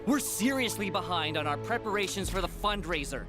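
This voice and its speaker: A man's voice: high voice, animated, fairly quick. A man voicing an earnest, slightly flustered young superhero in a video game. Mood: flustered, friendly. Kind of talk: video game character dialogue. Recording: loud music behind the voice.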